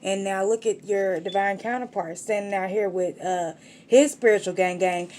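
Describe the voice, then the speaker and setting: A woman's voice: mid-range voice, fairly even intonation, moderate pace, a little mellow. A woman giving a casual tarot reading, talking straight to the viewer in slangy, profane street talk. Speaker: tarot reader.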